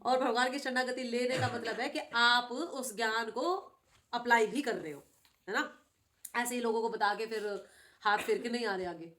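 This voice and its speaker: Middle-aged woman with a high voice teaching scripture, keeps checking with students, lively. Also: normal speed. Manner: animated, questioning students with frequent tag questions. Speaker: spiritual teacher. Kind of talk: devotional scripture class.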